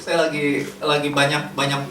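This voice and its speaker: A woman's voice: low voice, flat delivery, normal speed, a bit bright, slight background noise. A woman preacher from Indonesia with a Jakarta accent, giving a chatty sermon and laughing often. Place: church hall. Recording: echoey hall, far from mic, faint music.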